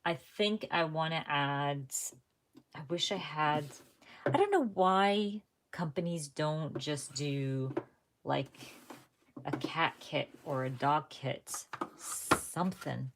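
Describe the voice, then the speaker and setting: A woman's voice: low-pitched, slow pace, slight background noise. A young woman hosting a live crafting stream, chatting casually and rambling to her viewers, often correcting herself mid-sentence. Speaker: crafting livestream host.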